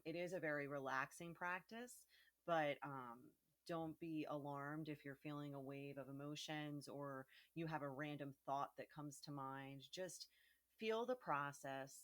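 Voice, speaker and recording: A young woman yoga teacher, talking gently and casually with frequent ums and soft, trailing endings as she introduces a guided meditation. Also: low voice.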